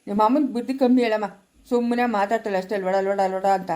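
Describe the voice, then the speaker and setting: A woman playing a loving, worried elderly father who soothes his daughter gently and repeats himself in a family skit. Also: mid-range voice, fairly even intonation, quick pace, close to an everyday voice. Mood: tender. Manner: gentle, soothing, repetitive pleading.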